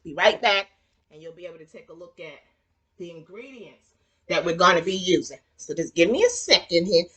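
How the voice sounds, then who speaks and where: A woman in her sixties with a Southern US accent, hosting a casual cooking demonstration in her home kitchen and chatting warmly and folksily with viewers. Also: on the low side, big pitch swings, fairly quick, breathy edge. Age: 60s. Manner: chatty and folksy, calls viewers honey and child. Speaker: cooking show host.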